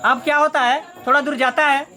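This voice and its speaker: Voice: sits high, steady tone, a little fast, sharp tone, a little hiss or hum. A storyteller, leading a Karma puja, telling the ritual story and giving chatty instructions to the participants. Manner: chatty, directive, repeats phrases to hold attention.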